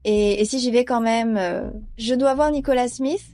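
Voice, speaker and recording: An actress dubbing a scheming young wife out for revenge in a drama, talking in a sharp, urgent way. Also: female voice, on the high side, moderate pace, dry recording, natural voice. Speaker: dub actress. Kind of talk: dubbed drama.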